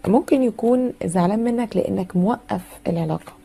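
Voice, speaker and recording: A woman tarot reader with an Egyptian Arabic accent speaks fast in a mid-range voice that is gravelly, warm, and slightly rough. Her reading is chatty and casual, full of fillers and teasing asides.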